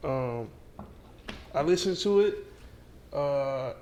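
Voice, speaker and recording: A man's voice: mid-range voice, expressive, drawn-out words, darkish tone, a little hiss or hum. A man co-hosting a casual podcast chat, laid-back and slangy, often trailing off. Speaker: podcast co-host.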